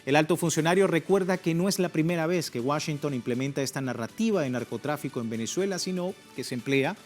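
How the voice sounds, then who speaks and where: A man's voice: on the high side, fast talker. A man presenting a news and interview programme as its host. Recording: music playing behind the voice. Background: music.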